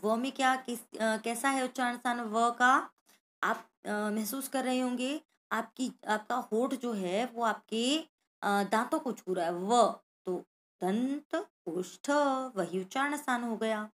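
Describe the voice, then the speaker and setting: A woman's voice: fairly high pitch, a little slow, fairly bright tone. A woman Sanskrit teacher going through a worksheet lesson, sounding out each letter and speaking directly to the children watching.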